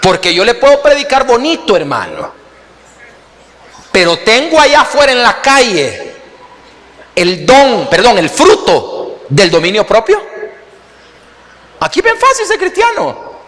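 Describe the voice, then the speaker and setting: A man with a Salvadoran accent preaching a sermon as pastor, animated and joking, often calling out to the congregation. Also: high voice, measured pace, pauses often. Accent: Salvadoran Spanish. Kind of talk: lively sermon. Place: church sanctuary. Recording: long reverb of a church hall.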